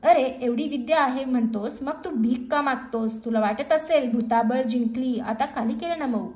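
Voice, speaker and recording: A fierce, contemptuous goddess scolding loudly in a devotional storybook reading, as a woman narrator puts her on. Her voice is high and rings in an echoey room. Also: normal speed, close to an everyday voice. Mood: furious. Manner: scolding, loud. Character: furious goddess Kali, female, fierce, contemptuous, roaring.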